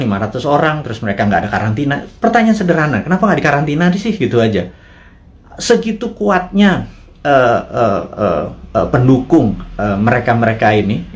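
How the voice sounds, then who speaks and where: A man's voice: medium pitch, very animated, brisk. A man talks straight to his audience in a live political commentary, full of conviction. His voice rises and falls widely as he presses one rhetorical question after another. Casual colloquial asides keep it feeling like an unscripted host monologue.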